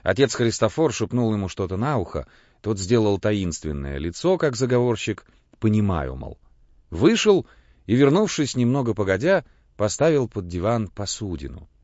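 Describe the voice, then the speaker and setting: A man narrating a classic novel as an audiobook, with measured, expressive storytelling. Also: on the low side, no echo. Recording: dull, muffled audio.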